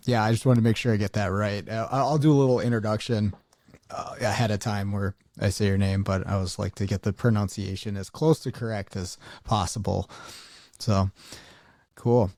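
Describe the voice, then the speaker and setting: A man hosting a podcast, reading sponsor spots and chatting with a guest in a relaxed, conversational way. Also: fairly low pitch, normal speed, dry recording, studio quality. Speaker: podcast host. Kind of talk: casual podcast interview.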